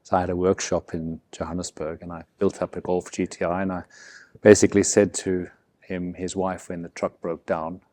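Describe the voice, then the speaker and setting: Deep-voiced South African man telling stories. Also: level tone, normal speed, dark tone. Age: middle-aged. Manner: reflective, repeats words when starting sentences. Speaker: guest, vehicle consultant and expedition leader. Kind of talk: relaxed storytelling in an interview. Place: indoor workshop with a vehicle behind.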